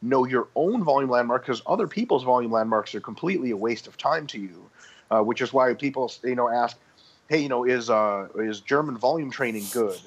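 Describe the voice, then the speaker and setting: Appearing as a guest expert on a casual podcast, a man explains muscle training, working through his points with lots of ums and restarts. His medium-pitched voice is animated and brisk, and the audio sounds dull.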